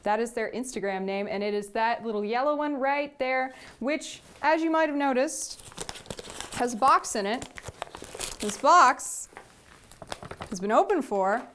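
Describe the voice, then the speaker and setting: Opening presents sent by fans, this young female vlogger gushes in a relaxed, chatty way, repeating herself and using "sweet" a lot. She speaks unhurriedly with long pauses, her fairly high voice slightly bright.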